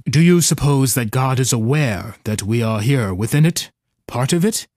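A man voicing a shy, gentle, philosophical male octopus in a storybook reading, speaking softly and formally in a low, dark-toned voice. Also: moderate pace, no echo, studio quality, lightly acted. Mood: wondering. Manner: soft-spoken, formal and calm.

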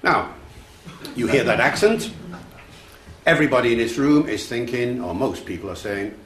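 A man's voice: medium pitch, expressive, moderate pace, fairly bright tone, slight background noise. A man lecturing in a roomy hall. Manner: explanatory, storytelling, uses fillers. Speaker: festival speaker on language. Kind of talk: public lecture with anecdotes. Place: room with an audience.

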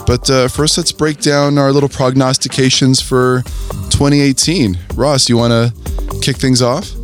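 A man with a raspy, hoarse voice casually hosting a podcast. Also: mid-range voice, fairly even intonation, moderate pace, soft background music. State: hoarse after New Year celebrations. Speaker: podcast host.

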